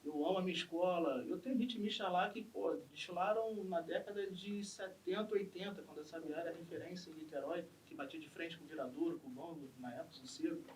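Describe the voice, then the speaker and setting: Earnest Brazilian drum master, slightly high voice. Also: male voice, fairly even intonation, a little fast, hardly any pauses, distant mic, slight background noise, low-quality recording. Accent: Brazilian Portuguese, Rio de Janeiro state. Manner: earnest, opinionated, builds to emphatic peaks. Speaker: samba school drum master. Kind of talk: casual podcast conversation.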